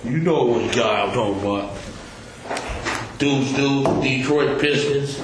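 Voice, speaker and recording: A man in a recorded police interrogation, telling his story with profane street slang and lively retelling. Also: mid-range voice, measured pace, noisy background. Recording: echoey room on a distant recorder.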